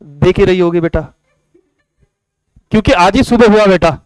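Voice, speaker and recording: A young man with a high-pitched, clean voice delivers a casual online commerce lecture at a moderate pace. He's chatty and playful and calls the students "beta", and the low-quality recording carries no echo.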